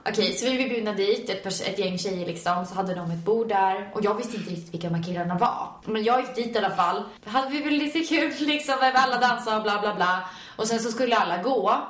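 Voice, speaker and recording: A young woman guest chatting casually and telling stories with a giggly, animated manner, acting out her own reactions. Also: mid-range voice, hardly any pauses. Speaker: guest, video maker. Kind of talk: casual chat. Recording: roomy echo.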